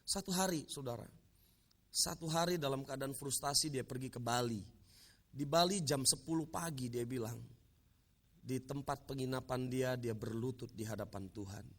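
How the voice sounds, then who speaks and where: A man's voice: medium pitch, normal speed. A male preacher telling a conversion story in a sermon, with dramatic storytelling that climbs to emotional peaks. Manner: dramatic storytelling, rising to emotional peaks, addresses congregation as "saudara". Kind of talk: Christmas sermon.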